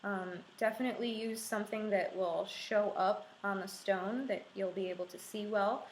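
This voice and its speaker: A woman in her thirties giving calm, unhurried, reassuring instructions as she demonstrates a craft. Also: medium pitch. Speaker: art instructor leading a craft and meditation tutorial. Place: small room indoors with a window. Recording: echoey room, faint background noise.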